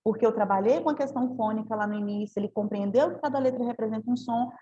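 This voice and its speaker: Woman, teacher trainer, higher voice, patient explaining, lo-fi video call audio. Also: fast talker, warm tone. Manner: explanatory, frequent tag questions.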